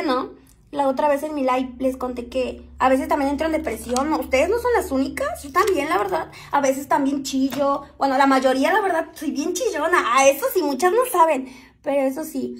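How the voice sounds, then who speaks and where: A high-voiced woman with a Mexican accent talks to her viewers in a casual, joking way while she does her makeup. She chats on and on and keeps addressing them as "chicas". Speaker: vlogger doing makeup on a live stream.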